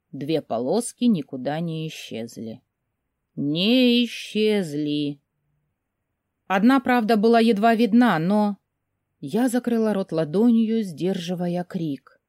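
A woman narrates a first-person novel with emotional, expressive delivery. Her pitch moves widely through the lines. The recording is dry and close, with no room around it. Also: dry recording. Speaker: audiobook narrator.

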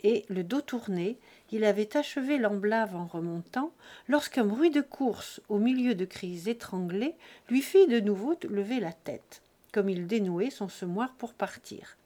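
A woman narrating a classic novel as an audiobook, in measured, expressive phrasing with short breath groups. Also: mid-range voice. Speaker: audiobook reader.

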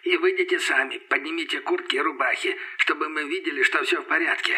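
A man's voice: on the high side, fast talker, pushed and bright, voice pushed up. A man voicing a wary stranger who makes guarded demands over a walkie-talkie. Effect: walkie-talkie radio.

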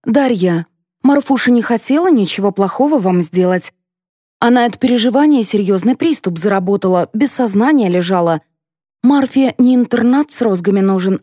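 A woman reading an audiobook, voicing a quick-tempered, indignant mother in a high, sharp voice. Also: no room sound, studio quality, natural voice.

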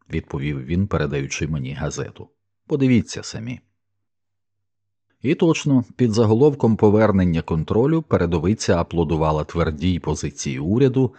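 A man narrates a novel in the first person with a steady, measured storytelling delivery. His voice sits extremely low and carries a husky, slightly rough grain throughout. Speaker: audiobook narrator.

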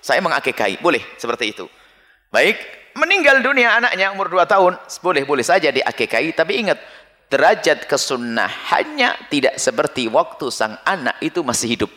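A man preaches in a large hall, his voice bright and ringing and carried by a long reverb. His pitch sits fairly high and swings widely as he makes his points. His delivery is animated. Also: moderate pace. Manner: animated, with sharp leaps in pitch. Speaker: Islamic preacher answering questions. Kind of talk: sermon with audience questions. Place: large hall with a live audience.

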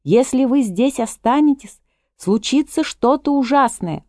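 A woman voicing a desperate woman artist who shouts urgent warnings at a crowd, in a dry recording. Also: mid-range voice, normal speed, dry recording, pitched above the performer's own voice, natural voice. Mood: frantic.

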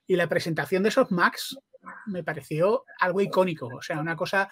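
Chatty Spanish podcast host, dry sound. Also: male voice, high-pitched, brisk, fairly bright tone, husky, dry recording. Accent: Spain. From Spain. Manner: enthusiastic, chatty, asks long questions. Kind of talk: casual interview chat.

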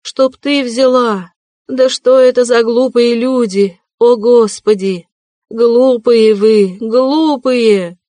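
A woman voicing a desperate, consumptive poor widow who cries out in a hoarse, shrill voice in an audiobook reading. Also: takes it slowly, dry recording. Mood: anguished. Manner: frantic pleading shouts.

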